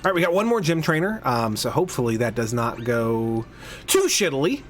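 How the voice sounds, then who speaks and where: A man's voice: mid-range voice, big pitch swings, a little fast, soft background music. A man hosting a casual game playthrough, chatting and rambling through his moves with frequent restarts. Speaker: host of a game playthrough podcast. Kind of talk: casual let's play commentary.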